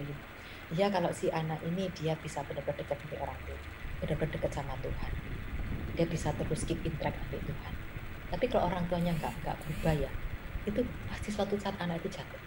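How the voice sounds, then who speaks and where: A woman's voice: lowish voice, fast talker. A woman evangelist, chatting casually and acting out quoted conversations. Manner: acts out quoted dialogue with children and parents. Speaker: evangelist guest speaker. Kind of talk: casual talk show conversation. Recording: noisy background.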